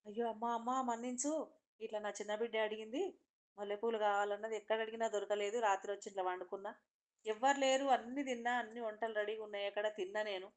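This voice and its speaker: A woman's voice: mid-range voice, fairly even intonation, quick pace, lightly acted. A woman voicing a frightened father pleading with a monster in a folk tale.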